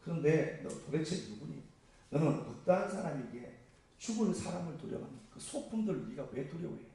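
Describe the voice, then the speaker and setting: A man's voice: a little high, animated, fairly quick, vocal fry, warm tone. A pastor voicing God as a stern, fatherly male deity, scolding with blunt questions in a Gyeongsang accent. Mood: reproachful. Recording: echoey church hall from far off.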